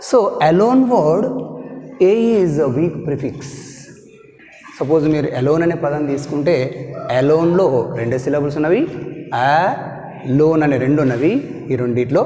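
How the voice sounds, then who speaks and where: A male teacher giving a grammar lesson, speaking slowly and repeating words to model how they are pronounced. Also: a little high, mellow. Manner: slow, deliberate, repeats words to model pronunciation. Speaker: English teacher. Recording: echoey room with long reverb.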